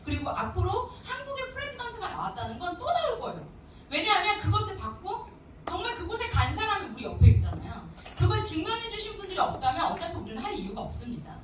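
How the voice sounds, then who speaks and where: A woman's voice: extremely high pitch, fast, noisy background. A woman giving a motivational business lecture who often puts questions straight to her audience. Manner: animated, addresses audience directly with questions. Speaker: business seminar speaker. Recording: echoey hall from far off with music.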